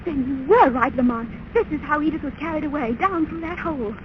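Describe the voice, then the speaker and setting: An actress playing an anxious, caring young heroine in a 1930s radio mystery. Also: female voice, high-pitched, expressive, fairly quick. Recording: noisy, muffled 1930s radio recording.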